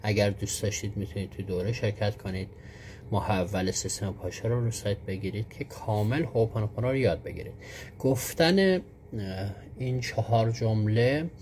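Speaking in a lowish, darkish voice with slight background noise, a man hosts a live stream. He greets viewers one by one and patiently explains answers to their questions, filling his casual teaching with frequent fillers.

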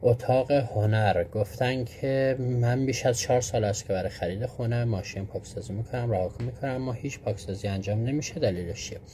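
This live-stream host has a warm, medium-pitched voice and barely pauses, with a little background noise behind him. Greeting each viewer in turn, he patiently works through their questions in a casual teaching style full of fillers.

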